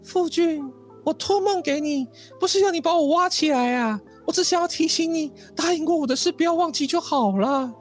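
A man voicing the gentle ghost of a dead wife in a soft falsetto. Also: lively intonation, brisk, soft background music. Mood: tender.

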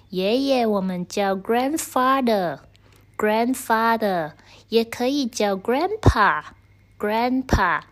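A woman storyteller reading a story to children and gently speaking to them directly. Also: medium pitch.

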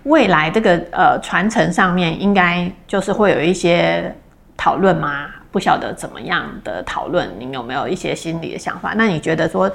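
A woman hosting an interview, asking polite, probing questions and softly murmuring while she listens. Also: fairly low pitch, expressive, normal speed, vocal fry. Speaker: host. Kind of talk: interview host.

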